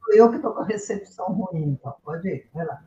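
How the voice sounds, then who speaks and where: A man's voice: high voice, animated, brisk, dark tone. A man interviewing over a video call whose audio keeps dropping out, speaking briefly as he checks the connection. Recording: echoey, dull video-call line.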